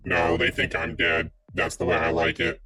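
A man playing a flat, deadpan ex-mobster. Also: deep voice, normal speed, faint music behind. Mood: terse. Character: grim male ex-mobster rigger with robotic voice. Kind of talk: tabletop role-play in character.

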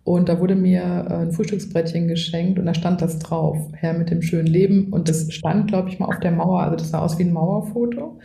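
A woman's voice: on the low side, fairly even intonation, a little fast, vocal fry, few pauses, warm tone, roomy sound. A woman coach, a guest in a podcast interview, who explains at length and often adds a tag question. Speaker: coach and trainer.

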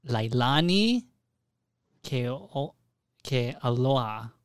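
Man, podcast co-host, casual chat, laid-back, swears a lot, middle pitch, dry close sound. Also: lively intonation, extremely slow, clean tone, dry recording. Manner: laid-back, swears freely, reads names off a list.

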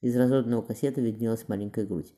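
A male audiobook narrator reading a historical novel at a quick clip. His voice is dark and low in tone. He corrects small slips as he goes. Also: steady tone.

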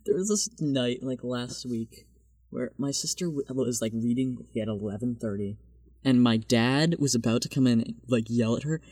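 A man's voice: medium pitch, moderate pace, a little mellow, husky, no echo, studio quality. A man co-hosting a podcast, telling self-deprecating stories in a rambling, casual way full of fillers. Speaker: podcast co-host.

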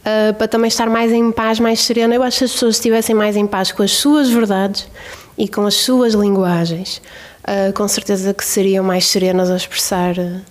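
A woman's voice: medium pitch, level tone, moderate pace. A woman with a European Portuguese accent in a casual podcast conversation, speaking in a reflective, emphatic and hesitant way.

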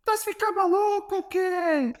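A man's voice: very high-pitched, a little slow, voice pushed up. A man imitating a shrieking, hot-tempered old football coach. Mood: scolding. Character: hot-tempered older male football coach, European Portuguese.

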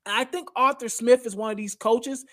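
A man's voice: very high-pitched, fairly even intonation, normal speed, fairly bright tone. A man hosting a casual sports talk show, blunt and opinionated, who often says "bro" and "y'all". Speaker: podcast host.

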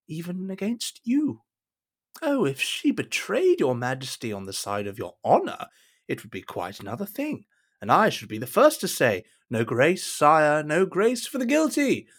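In an audio drama, a male actor with a medium-pitched voice plays a scheming cardinal who pretends to be humble. His manner is theatrical and unctuous, and he sounds as though he's feigning concern.

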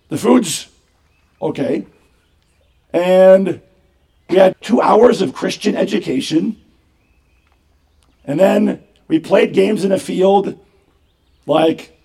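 An older man, a priest, giving an animated sermon to campers with a hoarse, worn voice. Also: sits high. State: hoarse, voice nearly gone. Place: camp gathering.

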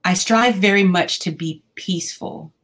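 A woman talking as an interview guest in a calm, measured way, often breaking into light laughter. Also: lowish voice. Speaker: school staff working with students. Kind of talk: casual interview conversation.

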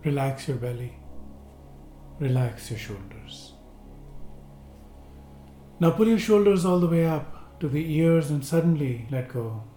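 A man leads a seated meditation in a slow, gentle, unhurried way, leaving long pauses between instructions. His voice is mellow and dark at a middle pitch. The room gives a roomy echo, with soft music faint underneath. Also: lively intonation. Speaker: meditation guide. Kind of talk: guided relaxation instruction.

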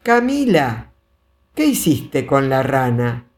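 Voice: mid-range voice, big pitch swings, slow pace. A storyteller voicing a bossy, exasperated older boy who scolds his little sister. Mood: scolding.

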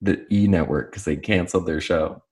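A man with a very deep, low voice co-hosting a casual pop-culture podcast. He dishes gossip at an easy pace, full of "like" fillers and wry little asides. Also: normal speed, darkish tone, breathy edge. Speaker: podcast co-host.

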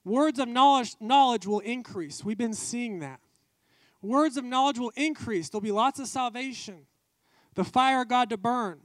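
High-voiced fervent male preacher. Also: normal speed, fairly bright tone, dry recording, studio quality. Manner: fervent, emphatic preaching with repeated phrases. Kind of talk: testimony sermon.

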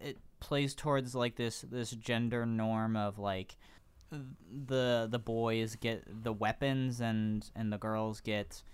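Young guy chatting on a podcast, smooth clear voice, laid back but gets hyped. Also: mid-range voice, no echo. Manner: easygoing, gets excited and rushes when hyped. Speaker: podcast co-host. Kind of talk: casual book-club chat.

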